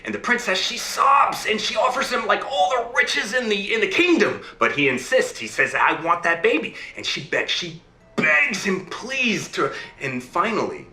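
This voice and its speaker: A man's voice: high-pitched, sing-song, moderate pace, bright, forceful tone, reverberant, faint music behind, full character voice. A man telling a fairy tale to his child over a video call, voicing the characters and checking in with okay and right. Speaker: father telling a bedtime story.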